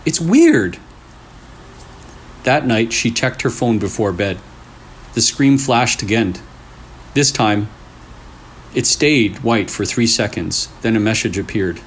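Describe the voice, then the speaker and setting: A man's voice: fairly low pitch, unhurried, a bit bright, a little hiss or hum. A man hosting and reading scary stories aloud in short, suspenseful phrases, with casual asides. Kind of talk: storytelling with casual reactions between stories.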